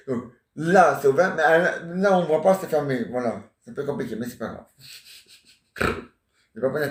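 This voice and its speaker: A man's voice: on the high side, distant mic. A man in his forties rambling and joking in casual chat, teasing banter. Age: 40s. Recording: echoey room.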